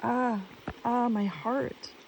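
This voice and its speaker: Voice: medium pitch, steady tone, measured pace, creaky, warm tone. A storyteller voicing a goddess queen of the underworld who moans and groans in pain. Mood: moaning. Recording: distant mic with stream noise.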